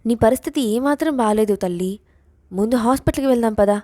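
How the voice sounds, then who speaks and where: A woman's voice: on the high side, brisk, warm tone, no room sound, clean studio sound, lightly acted. A woman voicing a pleading anxious mother. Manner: anxious, begging. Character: worried pleading middle-aged mother.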